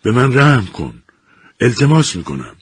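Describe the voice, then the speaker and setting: A man's voice: medium pitch, big pitch swings, slightly rough, voice pushed up. A man voicing a terrified young wife who pleads in a trembling voice. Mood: pleading.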